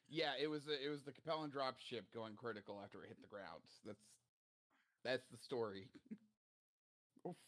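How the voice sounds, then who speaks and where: A man's voice: mid-range voice, a little slow, pauses often, fairly bright tone. A man playing a tabletop game over voice chat, joking in a mock-evasive way. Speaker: player.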